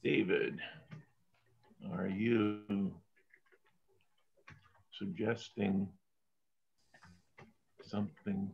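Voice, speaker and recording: A man presenting at an online meeting, talking in halting restarts over a crackling connection that keeps cutting out. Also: lowish voice, steady tone, vocal fry, breathy edge. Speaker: presenter on treasurer duties. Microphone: video call from away from home. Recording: dull lo-fi call audio that cuts out.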